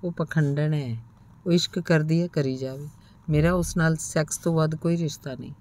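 A woman's voice: low-pitched, fairly even intonation, normal speed, darkish tone, natural voice. A woman reading the lines of a scornful, boastful young man in a story, dismissive and sneering.

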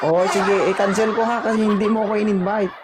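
Dry, teasing man with a high voice, roasting his co-host over noisy stream audio. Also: little pitch movement, fast talker. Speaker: live streamer. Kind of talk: casual live-stream banter.

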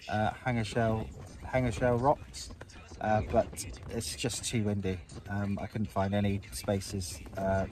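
A man in his forties chatting to a close-held phone camera from inside a small tent on open moorland, rambling and upbeat with lots of ums. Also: mid-range voice. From England. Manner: rambling, filler-heavy, upbeat. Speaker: wild camping vlogger. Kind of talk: casual vlog talk to camera.

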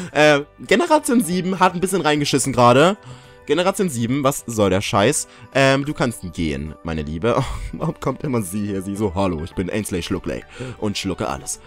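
A young gaming YouTuber gives loose, jokey let's-play commentary, his pitch leaping all over the place. Excitable, he yelps and swears whenever something startles him, while faint game music plays underneath.

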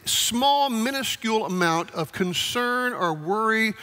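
A man's voice: sits high, expressive, a little slow, pushed and bright. A male pastor preaching a sermon in a church, talking conversationally and asking the congregation to raise hands. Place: church sanctuary. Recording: long church hall reverb.

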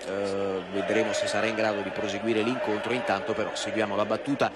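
A man's voice: on the low side, little pitch movement, a little fast, over a noisy crowd. Male football commentator over stadium noise. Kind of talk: live TV football match commentary. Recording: live broadcast over loud stadium noise. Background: outdoor stadium ambience.

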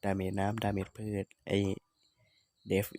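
A man's voice: low-pitched, extremely slow, dry recording. A man from Northeastern Thailand hosting a gaming channel, talking through game stats in a casual, thinking-aloud tutorial voice-over. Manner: relaxed, explanatory, thinking aloud with hums.

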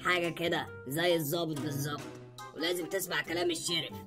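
A man's voice: a little high, steady tone, fast talker, music in the background, close to an everyday voice. A man voicing a bossy, pompous male sheriff with an Egyptian Arabic accent, giving orders impatiently.

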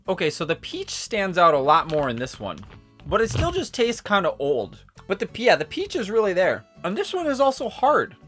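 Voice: mid-range voice, wildly swooping pitch, normal speed, fairly bright tone, soft background music. A young adult vlogger chatting casually through a taste test, talking with candy in the mouth, rambling with lots of fillers.

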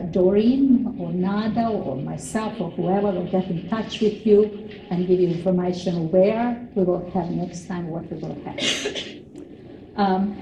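Slow-talking older woman in an echoey hall. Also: medium pitch, distant mic, background noise. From Serbia. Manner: slow, earnest, with frequent pauses. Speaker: cooking demonstrator. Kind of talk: informal talk to a class. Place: large plain hall with kitchen tables.

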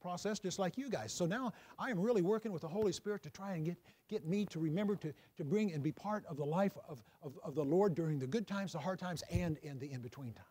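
A man's voice: high voice, quick pace, few pauses, warm tone, breathy edge. A man teaching a class, repeating phrases for emphasis, asking students questions and dropping to a near whisper on key points. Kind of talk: classroom lecture with faith-based teaching.

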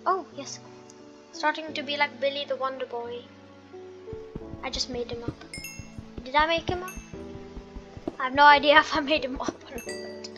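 A woman giving chatty, excitable commentary while playing a computer game, often apologizing to her viewers. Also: sits high, moderate pace, pauses often, highs cut off. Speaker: gaming video host. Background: game music.

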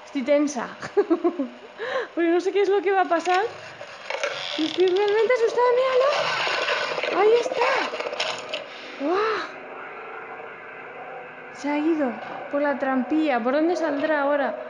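A woman with a Spain Spanish accent, reacting nervously and excitedly while playing a VR experience, with gasps and shrieks. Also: extremely high pitch, takes it slowly, long pauses, background noise. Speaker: VR game reviewer.

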